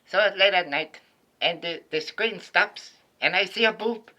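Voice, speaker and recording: A man doing stand-up storytelling in an animated, emphatic way, landing crude punchlines. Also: high-pitched, measured pace. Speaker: stand-up comedian.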